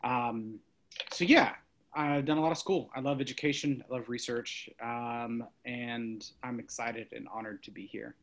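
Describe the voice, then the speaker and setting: A man's voice: mid-range voice, fairly even intonation, unhurried, a bit bright. A man in his thirties from Los Angeles, giving an earnest, upbeat personal introduction with some fillers. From Los Angeles, California.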